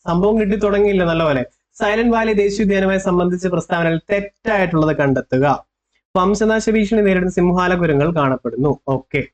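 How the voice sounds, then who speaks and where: A man teaching an exam-prep lesson in a Kerala Malayalam accent. He repeats key facts and keeps checking that his students are following. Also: high-pitched.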